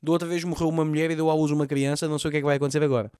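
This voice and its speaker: A Portuguese man with a Lisbon accent, a comedian recapping a TV series with crude, sarcastic and animated commentary, acting out the characters. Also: on the high side, racing, clean tone, no echo, clean studio sound. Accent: European Portuguese, Lisbon. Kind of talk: comic commentary.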